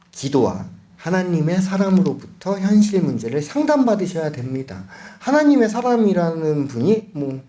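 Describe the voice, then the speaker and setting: A man preaching a sermon to his congregation, swinging between loud cries and hushed lines and asking them direct questions. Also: fairly high pitch.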